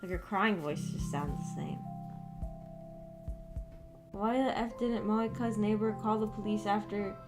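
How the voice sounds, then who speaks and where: With a medium-pitched voice, a little slow and marked by long pauses, this visual novel book club host livestreams and chats casually with her viewers. She giggles and rambles, peppering her talk with "like," as background music plays.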